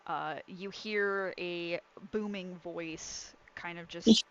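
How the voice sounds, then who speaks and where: A woman's voice: on the low side, steady tone, takes it slowly, a bit bright, lo-fi sound, slight background noise. A woman running a tabletop game, improvising descriptive narration in an informal way. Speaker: game master.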